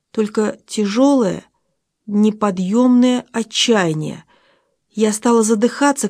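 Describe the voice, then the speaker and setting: A woman reading first-person audiobook narration in an expressive, emotional way on a close studio mic. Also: mid-range voice, dry recording.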